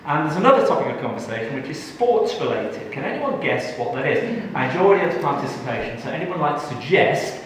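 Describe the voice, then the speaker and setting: Jokey presenter in an echoey hall. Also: male voice, fairly high pitch, very animated, a little fast, few pauses, recorded from a distance, slight background noise. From England. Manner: jokey, chatty, engages the audience. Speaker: tax trainer. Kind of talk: live training presentation. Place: large training room.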